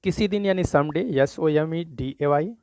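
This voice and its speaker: Slow, patient man spelling words aloud. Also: fairly high pitch, warm tone, clear, resonant tone, no echo. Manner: spells words letter by letter slowly, often repeats "thik hai". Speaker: teacher. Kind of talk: spelling lesson for children.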